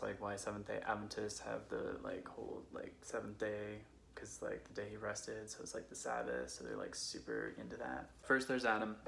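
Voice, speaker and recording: A man's voice: fairly low pitch, gravelly, a bit bright. A man putting on a casual, tipsy Californian friend who rambles through comedic stories in a slangy, filler-heavy way. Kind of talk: comedic storytelling. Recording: roomy echo, faint background noise.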